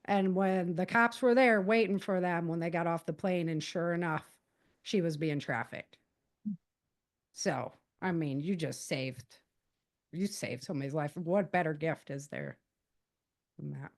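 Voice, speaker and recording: With a fairly low pitch and an unhurried delivery, a middle-aged American woman responds to interview questions conversationally. The podcast guest, who is an author and teaches self-defense, sounds earnest, emphatic and informal.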